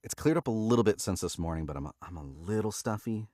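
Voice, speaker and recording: A man with a mellow, lowish voice talks fast with lively intonation, his nose stuffed up from allergies. Hosting a livestream, he chats casually and often laughs, then reads a novel aloud and catches his own misreadings. The studio recording is dry.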